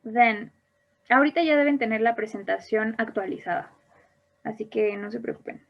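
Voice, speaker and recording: On a computer mic with dull, lo-fi online-class sound, a woman with a gravelly, rather high voice teaches English grammar at a moderate pace. She explains each rule in English, then repeats it in Spanish.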